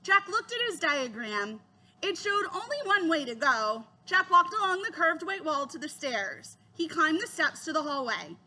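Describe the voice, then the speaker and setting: A woman reading a children's chapter book aloud, giving the children's lines a higher voice. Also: big pitch swings, moderate pace, sharp tone. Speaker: reader.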